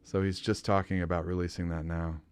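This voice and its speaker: A man hosting a podcast in casual chat, an animated storyteller who swears and laughs often. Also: deep voice, a little fast, smooth, no echo. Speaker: podcast host.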